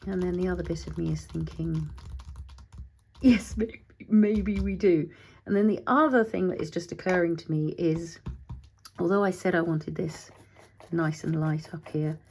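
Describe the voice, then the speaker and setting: A woman's voice: on the low side, normal speed, gravelly, darkish tone, a little hiss or hum. A middle-aged woman hosting a casual craft tutorial, chatting as she works, thinking aloud and talking to her materials, sometimes dropping to a whisper.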